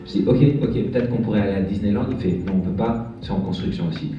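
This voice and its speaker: A young comedian from France, with a lowish voice, performs stand-up in a bar for a live crowd, his hesitant delivery broken by restarts and fillers. Captured from far off, the sound is dull and echoey, and music plays in the background.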